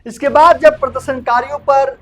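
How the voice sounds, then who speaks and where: A man's voice: very high-pitched, fairly even intonation, normal speed. A man hosting a casual online news report, talking chummily to viewers and calling them brother. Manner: chatty, addresses viewers as brother. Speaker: news anchor.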